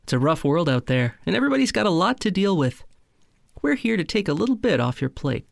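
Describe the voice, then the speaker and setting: Deadpan man in mock-meditation voice. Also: high-pitched, fairly quick, gravelly, no echo, clean studio sound. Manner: deadpan, soothing parody, breaks into banter. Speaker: comedy podcast co-host.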